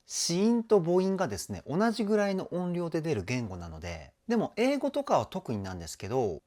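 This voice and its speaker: Excitable male vocal coach, very animated. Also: mid-range voice. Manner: enthusiastic, exclaiming, explanatory. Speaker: vocal trainer. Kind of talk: song reaction and vocal analysis.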